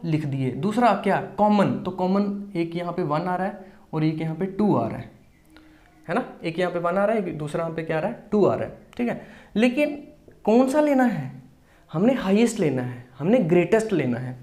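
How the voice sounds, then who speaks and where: A man's voice: high voice, darkish tone. Man teaching maths step by step. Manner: explains step by step, often checks in with "theek hai"; mixes English maths terms into Hindi. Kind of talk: exam-prep maths lesson.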